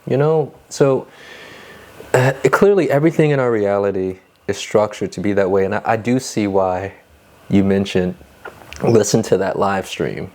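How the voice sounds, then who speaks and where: A man's voice: lowish voice, moderate pace, a little mellow. A man hosting a casual podcast, chatting in a laid-back way and laughing often. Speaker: podcast host.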